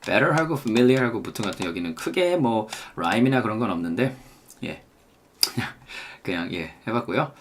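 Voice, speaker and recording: A man with a Korean accent teaching English, drilling phrases slowly and deliberately. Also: fairly low pitch, lively intonation, noisy background. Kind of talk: language lesson.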